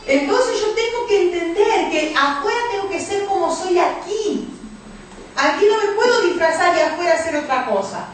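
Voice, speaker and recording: A woman's voice: very high-pitched, expressive, moderate pace, a little hiss or hum. A woman pastor preaching a sermon, telling stories and acting out the voices of the people in them. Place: church hall. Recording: echoey church hall from far off.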